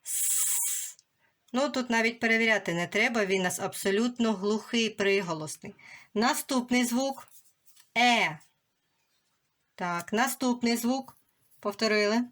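A young woman with a fairly high voice teaching young children remotely. She speaks slowly and clearly, pausing to sound out each letter and syllable. Her tone stays patient and instructive throughout. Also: a bit bright. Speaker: primary school teacher.

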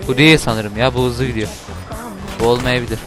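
A man talks over a game, loud and swearing, yelling at the cars on screen. His voice sits at an ordinary middle pitch. Game music plays clearly behind him. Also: fairly even intonation, a little fast. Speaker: gameplay commentator. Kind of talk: casual gameplay commentary.

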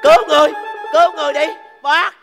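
A man playing a panicky, loud patient from central Vietnam in a stage comedy sketch, yelling frantically. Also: very high voice, brisk, music in the background. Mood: frantic. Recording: hall reverb, audience faintly heard.

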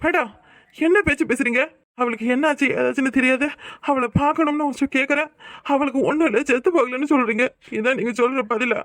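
A woman's voice: high-pitched, brisk, dry recording, studio quality. A woman voicing a distraught young husband in a cartoon who insists on seeing his wife, with a southern Tamil Nadu accent. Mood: indignant. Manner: shouting, insistent.

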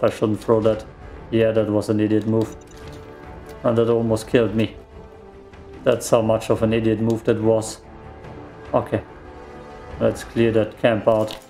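A let's play gamer with a warm, lowish voice, German by first language, rambles casually through his gameplay. He reacts out loud and is self-deprecating, recorded with a desk microphone at his home gaming station.

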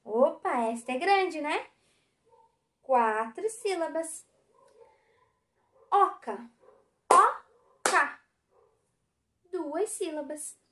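A woman teacher with a Brazilian Portuguese accent giving a recorded class for children, speaking clearly and patiently and sounding out syllables. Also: high-pitched, animated, very slow, long pauses.

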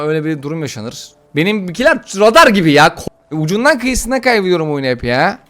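A man giving excitable, slangy let's-play commentary while playing a game, often frustrated. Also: high-pitched. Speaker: gaming YouTuber.

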